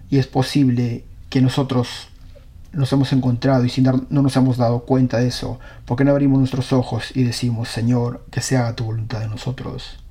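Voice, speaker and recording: A man's voice: medium pitch, mellow, slight background noise. A man preaching a sermon, reading scripture aloud and earnestly questioning his congregation.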